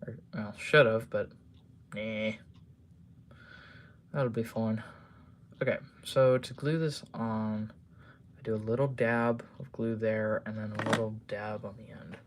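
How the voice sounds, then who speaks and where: A man's voice: fairly low pitch, flat delivery, unhurried, pauses often, a little hiss or hum. A man chatting casually on a live stream while building model trains at a home workbench, rambling with lots of fillers and casual swearing.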